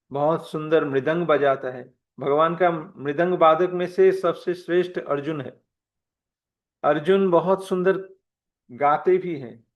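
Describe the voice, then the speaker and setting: Male devotional class speaker, slow unhurried storytelling, slightly high voice, muffled lo-fi recording. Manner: plain storytelling, repeats phrases, chuckles. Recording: dull lo-fi recording.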